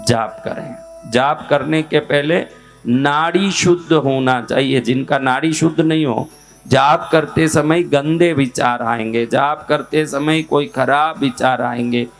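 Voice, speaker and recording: Male spiritual teacher, unhurried lecturing pace, slightly raised pitch, asks the listeners questions and answers them himself. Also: a bit bright. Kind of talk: devotional teaching talk.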